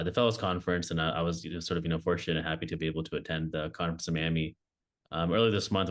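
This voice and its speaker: A young adult man, an oncology fellow, interviews a guest on a recorded video. He speaks quickly in a low voice, hedging often and filling his talk with fillers and restarts.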